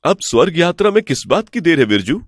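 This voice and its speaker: In an animated folk tale, a man acts out a greedy, gullible village priest who sounds excitable, credulous, eager and confiding. His pitch leaps all over, he talks quickly, and the voice is dry and close with no room sound.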